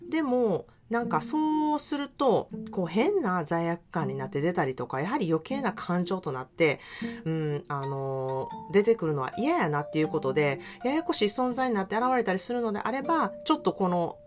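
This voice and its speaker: A woman with a Kansai Japanese accent hosting a solo self-care podcast, talking softly and reflectively with many fillers. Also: on the low side, animated, normal speed, music in the background. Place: California.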